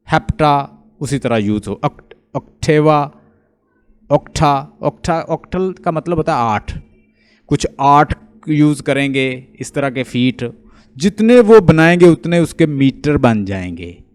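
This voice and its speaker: A man's voice: fairly high pitch, darkish tone. A man with a Pakistani accent teaching English literature, explaining step by step and stopping often to ask his students checking questions. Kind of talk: classroom lecture explaining poetic meter.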